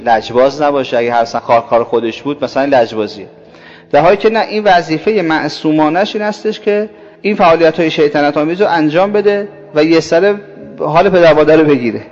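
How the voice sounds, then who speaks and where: A man's voice: mid-range voice, a little mellow. A man giving a sermon, explaining with rhetorical questions and long spoken lists. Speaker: religious speaker. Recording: dull lo-fi sound with long reverb and faint music.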